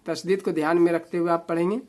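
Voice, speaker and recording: A man teaching Quran reading, spelling out letters and vowel marks syllable by syllable, with quick explanations. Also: on the high side, level tone, a little mellow. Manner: slow drawn-out syllable-by-syllable recitation between quick explanations. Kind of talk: spelling-out recitation lesson.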